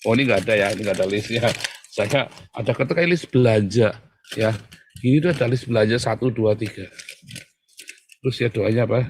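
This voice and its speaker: A man preaching a casual sermon, chatty and joking, swinging between loud emphasis and hushed, calm words. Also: on the low side, a little fast, long pauses, slight background noise.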